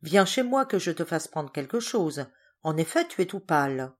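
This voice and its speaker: A woman's voice: sits low, very animated, moderate pace. A woman reading aloud and voicing a fussy, talkative woman cousin who keeps asking questions. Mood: fussing. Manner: fussing, questioning.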